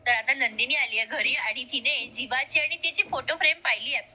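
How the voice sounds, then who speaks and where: Chatty woman with a bright, high voice. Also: brisk. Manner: chatty, addresses viewers directly. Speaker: TV serial recap narrator. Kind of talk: casual storytelling recap.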